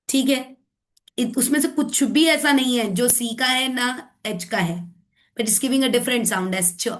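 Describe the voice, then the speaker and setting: Slow, deliberate woman teacher. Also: a little high, fairly bright tone. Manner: explanatory, often checks with "right?" and "okay?"; mixes Hindi and English. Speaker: teacher trainer. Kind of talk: online phonics lesson.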